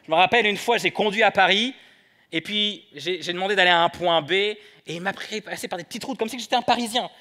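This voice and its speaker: A man preaching a sermon in church, moving between soft prayer and light humor. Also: high voice, fast talker. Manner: prays softly then preaches with humor. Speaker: pastor.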